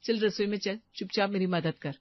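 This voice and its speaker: A woman voicing a kind, busy young married woman who bosses her friend around in a lively way. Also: medium pitch, moderate pace, no room sound, lo-fi sound, natural voice.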